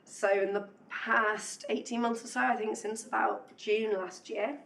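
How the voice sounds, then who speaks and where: A conference speaker gives a technical talk while losing her voice, chatty and self-deprecating with many ums. Her voice is on the high side, gravelly and a bit bright, with a level tone and a slightly slow pace. She sounds distant, with a faint hum.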